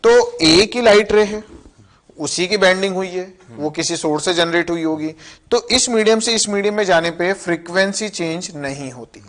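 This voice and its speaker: A man's voice: sits high, moderate pace, a bit bright. A man co-teaching a physics lesson, reasoning through each point step by step. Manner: reasons step by step, checks with fillers like "ठीक है". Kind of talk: classroom lesson explaining concepts.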